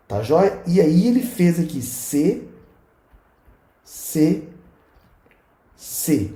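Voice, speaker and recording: A man's voice: a little high, warm tone. A man with a Brazilian accent giving a university lecture at a whiteboard, joking and pointing as he explains. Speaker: university professor. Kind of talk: recorded classroom lecture at a whiteboard. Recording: echoey room sound.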